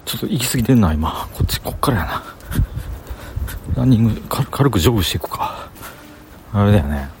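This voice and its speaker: Casual vlogger, male, Banshu Kansai accent, lowish voice with a bouncy, lively pitch, chatty self-talk outdoors. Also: fast talker, pauses often, background noise. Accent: Kansai, Banshu (Himeji) dialect. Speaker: vlogger talking to camera. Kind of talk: casual rambling monologue while walking. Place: outdoors on city streets.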